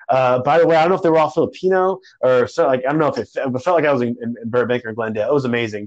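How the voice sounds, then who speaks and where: A young man telling a story in a casual podcast chat, animated and slangy, calling people bro and dude. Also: medium pitch, lo-fi sound.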